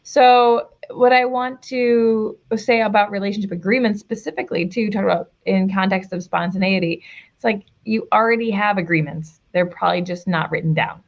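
A woman's voice: medium pitch, moderate pace, muffled recording. A woman relationship coach speaking as a guest in a casual interview, with a direct and emphatic coaching tone.

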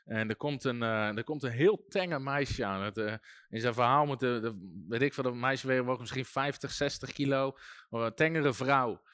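A man teaching a sermon-style Bible school class, telling stories with lively voices for shouting demons and chuckling often. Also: mid-range voice, moderate pace, smooth, no room sound, clean studio sound.

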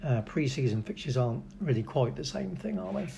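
A man's voice: on the high side, big pitch swings, fairly quick, gravelly, mellow, a little hiss or hum. A man hosting a casual local football chat, with hesitant restarts and a dry sense of humour. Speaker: club radio host.

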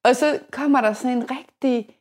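A woman in her forties hosting a podcast, chatting casually and telling stories in a lively way with many restarts. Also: sits high. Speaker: podcast host. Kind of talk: casual conversation.

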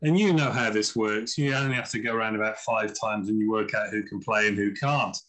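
A man with a lowish, slightly bright voice talks a little fast on a low-quality recording. As a chess author guesting on a casual podcast, he shares chatty anecdotes and acts out what others said.

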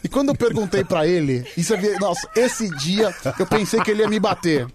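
A man co-hosting a casual chat show, teasing and joking with quick laughs. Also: sits high, animated, crowd noise. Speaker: co-host. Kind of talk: casual podcast banter.

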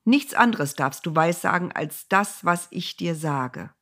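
A woman's voice: on the low side, lively intonation, a little slow, fairly bright tone. A woman voicing a stern male angel with a flaming sword. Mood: calm. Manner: stern, unmoved.

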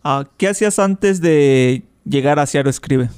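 A man's voice: fairly high pitch, unhurried, a little mellow, smooth, no room sound. A man hosting a radio interview, asking polite, formal questions. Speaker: radio host.

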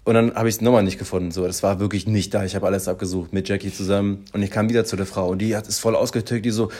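A man telling an everyday story in casual chat, animated and full of fillers, acting out the people he quotes. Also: on the low side, rapid-fire.

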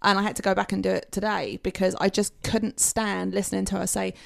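A woman with a heavily creaky, gravelly voice, chatting casually and wryly. She tells her stories at an easy, conversational pitch. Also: level tone, a little fast. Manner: chatty, wry storyteller. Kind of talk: casual chat.

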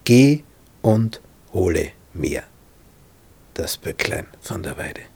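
A man's voice: deep voice, very animated, slow, vocal fry, a little mellow, breathy edge, dry recording, full character voice. Rebekka, a man doing a whispering scheming mother. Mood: conspiratorial.

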